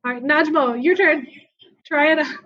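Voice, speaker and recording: An elementary school teacher with a high-pitched, sharp voice speaks at a moderate pace. She teaches young children in an online class, sounding upbeat and encouraging. The video call audio is dull and lo-fi.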